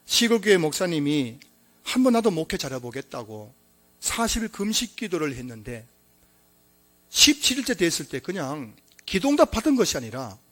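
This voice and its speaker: A male pastor preaching a sermon in an emphatic style, swinging between loud exclamations and quiet asides. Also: on the high side.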